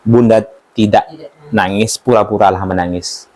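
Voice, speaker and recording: A man's voice: on the low side, fairly even intonation, moderate pace, darkish tone. Man teaching a casual Quran study. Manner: informal, joking, asks the audience questions. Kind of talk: religious study lesson.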